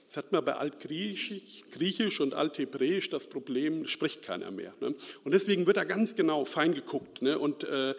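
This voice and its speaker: A man from Hesse, preaching an informal sermon in a chatty, self-deprecating way, full of fillers and "ne?" tag questions. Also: fairly high pitch. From Central Hesse, Germany. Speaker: lay preacher. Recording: reverberant hall.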